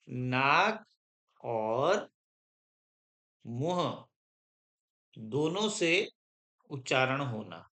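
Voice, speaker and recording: Slow, bright-voiced male grammar teacher. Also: medium pitch. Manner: slow, repetitive, keeps checking understanding. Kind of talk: classroom grammar lesson with dictation.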